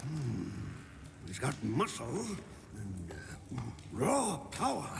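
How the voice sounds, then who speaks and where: An actor voicing a pompous, bad-tempered rich old lord in an animated film dub, barking orders. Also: medium pitch, very slow, vocal fry, background noise, exaggerated voice. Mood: imperious.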